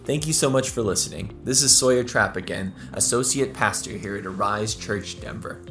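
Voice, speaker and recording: A man's voice: on the low side, normal speed, music in the background. A man, an associate pastor, reading a scripted outro to his podcast in an inviting tone. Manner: read from a script, warm invitation.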